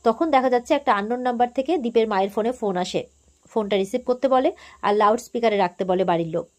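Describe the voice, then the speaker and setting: A woman hosts a casual recap of a television serial, retelling the episode in an easygoing, chatty way. Her voice sits a little high for a woman. She talks loosely and keeps things moving with small fillers. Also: fast talker, a little mellow.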